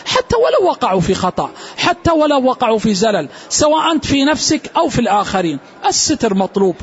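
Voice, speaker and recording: A man giving a Quran exegesis lesson, explaining and reciting verse readings slowly. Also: high voice, breathy edge, lo-fi sound. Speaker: Quran teacher.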